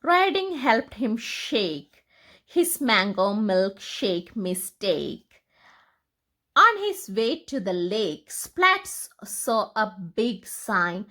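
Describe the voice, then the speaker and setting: In a mid-range voice, a woman tells picture-book stories aloud to young children, expressive and deliberate in her delivery.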